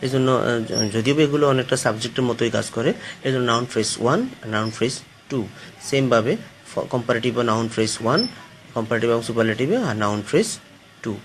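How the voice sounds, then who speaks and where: Man, grammar teacher, mid pitch, halting delivery, faint hiss. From Bangladesh. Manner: hesitant, many filler sounds, spells out words letter by letter. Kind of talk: classroom grammar lesson.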